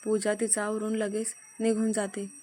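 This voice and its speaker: Flat-voiced woman story narrator. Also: medium pitch, moderate pace, soft background music.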